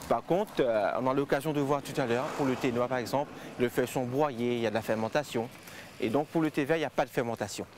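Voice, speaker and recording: A man guiding visitors through tea fields and a factory, explaining in halting sentences full of fillers. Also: mid-range voice, background noise. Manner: halting, with frequent fillers and restarts. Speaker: tea estate guide. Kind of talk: explanatory interview answers.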